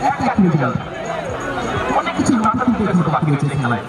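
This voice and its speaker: A man's voice: high voice, wildly swooping pitch, fast talker, over loud music. A man giving effusive, wordy live football commentary and announcements to spectators. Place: outdoors at a local football match. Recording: echoing distant PA amid loud crowd. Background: loud crowd.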